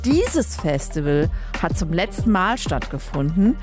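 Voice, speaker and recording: A woman from Leipzig, Germany, hosts a radio music show in a casual, chatty, colloquial manner, trailing off with tag questions. Her low voice is very animated yet unhurried, picked up close on a studio radio microphone.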